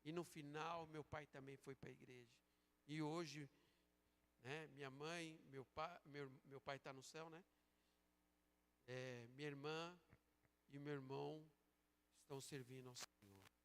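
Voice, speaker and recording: A man preaching a sermon as a pastor, moving between slow emphatic calls and quieter storytelling. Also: a little high, steady tone. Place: church sanctuary. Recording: church sanctuary with long reverb.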